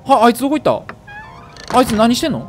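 A man's voice: extremely high pitch, sing-song, rapid-fire, faint music behind. A man with a Kansai accent commenting on a horror game he plays, letting out startled yelps and joking curses. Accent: Kansai Japanese. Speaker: gamer.

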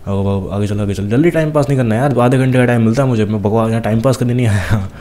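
A young man casually commenting on his own gameplay, talking fast and teasing the enemies on screen. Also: fairly low pitch, mellow. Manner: chatty, teasing enemies, talks fast while playing.

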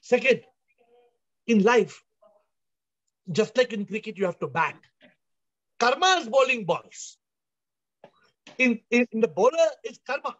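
This spiritual teacher speaks in a very high-pitched, fairly bright voice, animated yet unhurried, pausing often. Leading an online discussion over a video call whose audio is slightly dull, he gives an emphatic discourse, repeats phrases, and asks his listeners questions.

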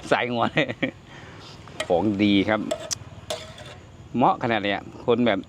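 With a lowish, fairly even voice and a slow pace, an older vlogger talks casually about cooking, exclaiming as he tastes the dishes. Background noise runs through the clip.

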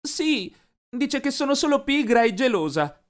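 A man's voice: very high-pitched, sing-song, unhurried, voice pushed up, full character voice. A man doing a tearful teenage girl. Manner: tearful, hesitant. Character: sad teenage girl, gentle younger sister. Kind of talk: animated story narration.

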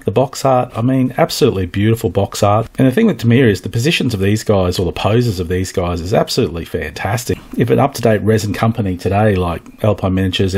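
Husky man reviewing model kits. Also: lowish voice, darkish tone. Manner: enthusiastic, chatty, addresses viewers as guys. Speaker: scale model kit reviewer. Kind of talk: casual enthusiastic product review.

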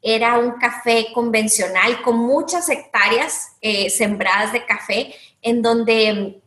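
A woman's voice: fairly high pitch, slow, a bit bright. A woman, an entrepreneur answering interview questions on a video call in an earnest way, often restarting her sentences. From Costa Rica. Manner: earnest, many restarts and fillers. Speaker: guest entrepreneur. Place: room at home. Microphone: video call webcam. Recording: echoey room on a video call.

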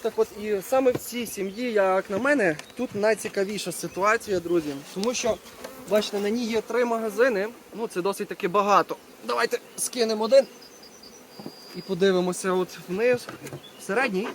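Outdoors at an apiary, a beekeeper presents a video, casually demonstrating his work while talking to viewers and repeating short phrases. His voice is high, fairly quick, and a bit bright, and buzzing bees and other insects fill the outdoor recording.

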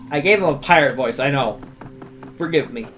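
A man's voice: mid-range voice, moderate pace, a bit bright, soft background music. A man chatting casually while playing a video game, with playful exclamations. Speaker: let's play gamer. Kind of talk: casual gameplay commentary.

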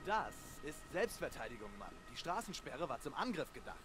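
An actor playing a cocky, rebellious young man in a video game, brash, sarcastic and excitable. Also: a little high, a little fast. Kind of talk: dubbed video game acting. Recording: game sound effects and music behind.

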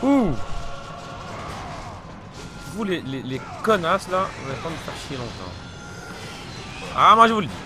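A young man, still a little ill, commenting on his gameplay with frequent swearing and frustrated shouts. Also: on the high side, very animated, normal speed, long pauses. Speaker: let's play gamer. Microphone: desk mic. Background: game music.

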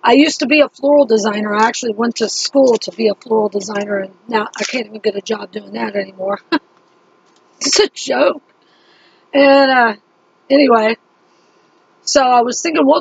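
High-voiced, husky woman recounting dreams. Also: highs cut off. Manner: rambling, self-correcting, with frequent fillers. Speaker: video channel host. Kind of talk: casual spoken recounting of dreams.

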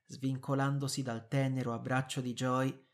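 A man narrating a book for language learners in a measured, clear reading. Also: mid-range voice, flat delivery. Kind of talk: scripted audiobook narration.

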